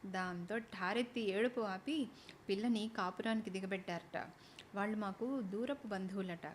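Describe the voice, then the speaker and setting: A woman storyteller narrating a humorous tale in the first person, with a lively telling. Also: mid-range voice, moderate pace, slight background noise.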